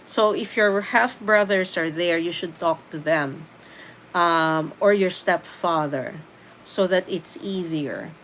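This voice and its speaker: Reading out viewers' comments on her laid-back live stream, this middle-aged woman from the Philippines laughs easily as she replies. A Tagalog native speaker with a Filipino accent, she talks slowly in a fairly low, somewhat bright voice, with slight background noise.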